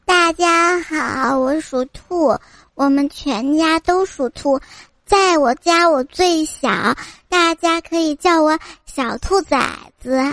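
A woman voicing a tiny, cute little girl who is the youngest in her family, introducing the show in a slow, drawn-out childlike way. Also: high voice, a bit bright, no echo, voice pushed up, heavily acted. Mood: cutesy.

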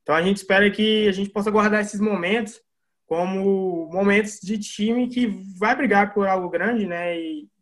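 A man's voice: sits high, moderate pace. A Brazilian man hosting a casual football discussion, analysing a match and passing questions to co-hosts. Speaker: football podcast host.

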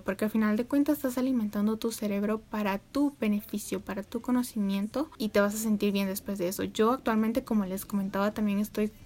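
Chatting to her viewers in a casual, upbeat way, this young woman, a native Spanish speaker, vlogs from home while neighbors' animals can be heard outside. She has a mid-range, slightly mellow voice.

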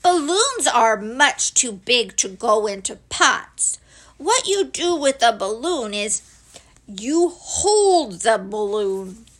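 An eager, sing-song teddy bear, cheerful and simple, as a woman reading aloud puts him on. His voice rides high and lilting from a storybook. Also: big pitch swings, slow, full character voice.

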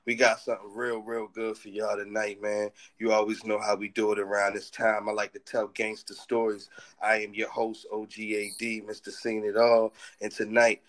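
A man hosting a storytelling podcast, talking in laid-back street slang and reading out a history. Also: on the low side. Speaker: podcast host. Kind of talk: casual podcast talk and reading.

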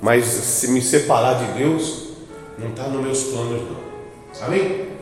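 A man's voice: mid-range voice, a little slow. A man preaching with a Brazilian Portuguese accent, acting out little dialogues in different voices and calling for amens from the congregation. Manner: lively, acts out dialogues in changing voices, calls out for amens. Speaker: pastor. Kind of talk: preaching a sermon. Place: church hall. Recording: echoey hall, distant mic, music behind.

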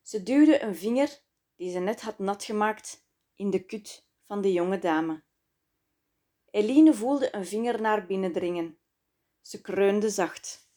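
Woman reading her own audiobook, real slow and intimate, middle pitch. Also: lively intonation, warm tone. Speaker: author and narrator. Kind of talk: scripted audiobook narration.

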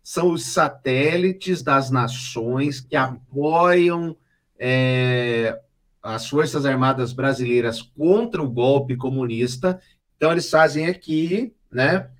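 A man's voice: fairly high pitch, a little slow. A man with a Brazilian accent hosting a casual comedy podcast, sarcastic and fond of spinning made-up scenarios. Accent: Brazilian Portuguese. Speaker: podcast host.

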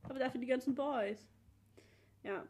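Young woman, high pitch, rambling laugh-prone co-host, faint noise. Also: moderate pace. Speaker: podcast co-host. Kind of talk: casual chat recapping a dating show.

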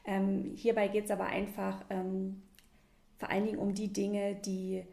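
A woman hosting a meditation podcast, speaking informally and hesitantly, with frequent ums and searching pauses. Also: medium pitch, completely flat delivery, vocal fry, mellow. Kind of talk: informal spoken introduction to a meditation. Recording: roomy echo, ambient music bed.

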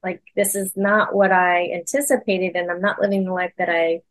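A woman's voice: on the low side, fairly even intonation, normal speed. A woman hosting a podcast, speaking in a casual, affirming way and encouraging her guest. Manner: affirming and encouraging, short backchannels. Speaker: podcast host. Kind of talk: casual conversational interview.

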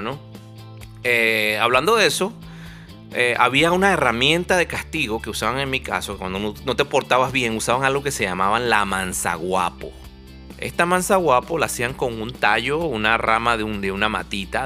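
Male vlogger, bright edgy voice, chatty comic delivery over soft music. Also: mid-range voice. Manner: joking, conversational, with frequent fillers and asides. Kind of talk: humorous casual monologue.

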